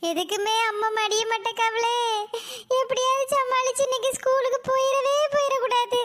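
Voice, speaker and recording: A woman voicing a little schoolgirl in a comedy cartoon who schemes to skip school, pleading and whining in a drawn-out way. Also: very high-pitched, steady tone, noisy background. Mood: scheming.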